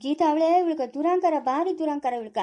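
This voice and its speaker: A woman with a Chikkaballapura Kannada accent, loudly scolding in a rural family skit. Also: sits high, fast talker, heavy background noise. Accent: Kannada, Chikkaballapura area. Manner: loud scolding village dialect.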